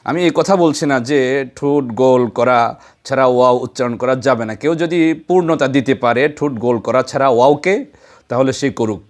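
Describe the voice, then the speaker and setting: A man's voice: mid-range voice, normal speed. A man teaching correct pronunciation of Arabic letters for recitation, counting off points one by one and sounding them out as examples. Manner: methodical, counts points and demonstrates sounds aloud. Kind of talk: instructional lesson on letter pronunciation.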